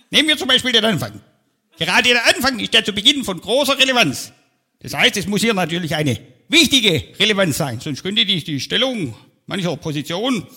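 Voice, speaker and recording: With a full character voice that's high-pitched, creaky, pushed and bright with a breathy edge, a man plays a pompous, self-important orator delivering a long-winded speech. It's a stand-up parody of officialdom, with audience laughter behind him.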